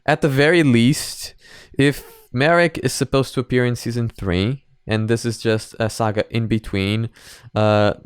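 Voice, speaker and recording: Hosting anime reaction videos, this man gives loose, off-the-cuff commentary, rambling hesitantly as he thinks aloud. His medium-pitched voice is steady, clean and a little slow, captured in a clean studio with no echo.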